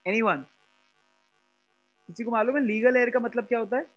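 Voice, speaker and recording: A man's voice: extremely high pitch, moderate pace, faint music behind. A man with an Indian English accent teaching an online class, switching between English and Hindi and often checking whether students follow. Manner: mixes English and Hindi, asks students questions. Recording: dull lo-fi online class audio.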